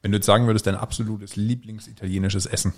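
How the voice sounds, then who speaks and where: A man interviewing a guest in a casual conversation, talking quickly with a lot of hesitation. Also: on the low side, little pitch movement. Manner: fast, hesitant with many fillers and restarts.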